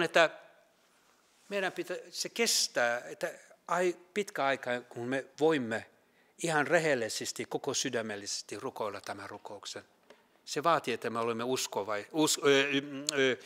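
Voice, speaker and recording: A man preaching a sermon in a Finland Swedish accent. He talks earnestly, rising to emphatic peaks and dropping to hushed quiet, with halting restarts. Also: medium pitch, expressive. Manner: halting restarts with Finnish filler sounds.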